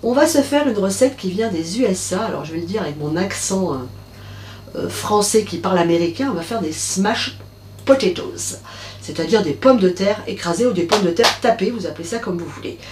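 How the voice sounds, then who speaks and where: A woman's voice: mid-range voice, fairly quick, darkish tone, faint music behind. A woman hosting her own cooking channel, chatting directly to viewers as she walks through a recipe step by step. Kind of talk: casual recipe narration.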